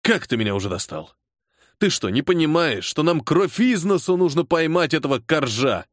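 A man's voice: a little high, big pitch swings, moderate pace, no echo, clean studio sound. A man voicing a weary grumbling colonel. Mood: angry. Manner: gruff, sarcastic, grumbling. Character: weary irritable older male colonel, security service chief.

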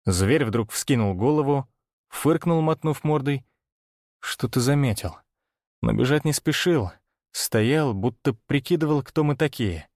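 A man narrates a first-person audiobook in a tense, hushed, steady voice. His pitch sits in an ordinary middle range. The recording is dry and close. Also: measured pace, dry recording.

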